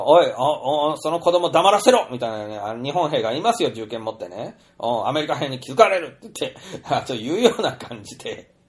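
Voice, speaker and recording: Animated chatty Japanese man. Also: fairly high pitch. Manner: chatty storyteller, animated, many fillers. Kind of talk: casual monologue.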